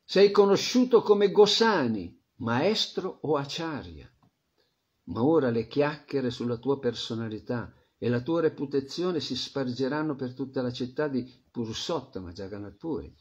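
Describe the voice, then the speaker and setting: Slow-speaking man giving a scripture class. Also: medium pitch, lively intonation. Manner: reflective, drops to a soft murmur at phrase ends. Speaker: spiritual teacher. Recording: dull lo-fi recording.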